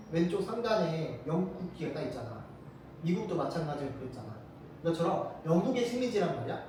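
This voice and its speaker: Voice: mid-range voice, a little hiss or hum. Teacher lecturing in a very echoey room. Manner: casual, quizzes students with quick rhetorical questions. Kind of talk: classroom lecture. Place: classroom with students present. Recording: very echoey room, mic far off.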